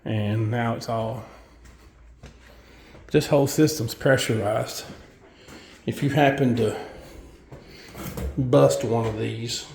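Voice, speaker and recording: A man's voice: mid-range voice, fairly even intonation, takes it slowly, creaky, long pauses, a little mellow, slight background noise. A man, a construction worker giving a casual walkthrough of a building site, blunt and profane as he tells his story.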